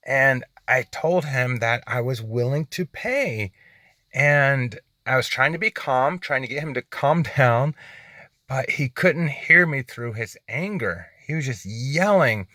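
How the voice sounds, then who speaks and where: A man vlogging a road trip from inside his car, telling a story in a chatty, relaxed way. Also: medium pitch, slow, no room sound. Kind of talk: casual storytelling vlog.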